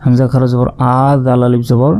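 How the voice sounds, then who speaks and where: This Bangladeshi-accented man has a warm, mid-range voice that stays monotone and moves fairly quickly. Teaching in Bengali, he spells out Quranic letters and vowel marks one at a time, then chants the whole word, in a slow, step-by-step recitation lesson.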